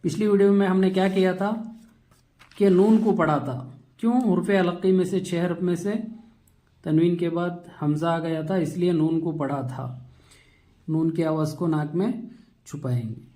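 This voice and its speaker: A man teaching a Quran reading lesson step by step, patiently repeating terms and stretching sounds slowly to show them. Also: high voice, fairly even intonation, dark tone.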